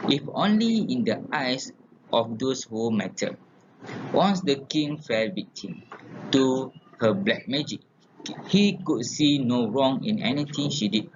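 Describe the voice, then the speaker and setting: A young man with a Malaysian accent reading a class presentation aloud, stumbling and restarting now and then. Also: medium pitch. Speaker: student presenter. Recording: lo-fi with clear background noise.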